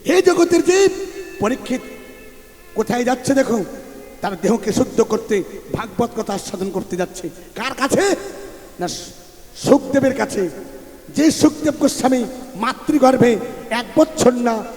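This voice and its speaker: High-voiced animated Bengali preacher. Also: male voice, measured pace, long pauses. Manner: animated, shouting rhetorical questions to the audience. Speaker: kirtan preacher. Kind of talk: devotional sermon storytelling. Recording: echoey hall with faint music.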